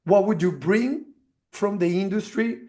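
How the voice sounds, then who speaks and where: High-voiced man hosting a podcast. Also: unhurried, dark tone. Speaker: podcast host. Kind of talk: casual interview conversation.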